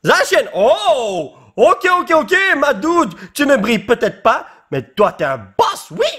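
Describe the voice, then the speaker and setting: A tired young man with a Québécois French accent, excitedly opening Pokémon cards in a casual vlog and tossing in English exclamations. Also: very high voice, slow pace, breathy edge. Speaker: YouTuber.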